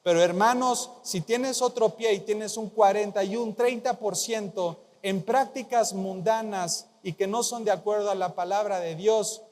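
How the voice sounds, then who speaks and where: A man's voice: sits high, measured pace, few pauses, darkish tone, long reverb tail. A man preaching a sermon as pastor, emphatic, repeating key phrases and prompting the congregation to answer. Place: large church hall.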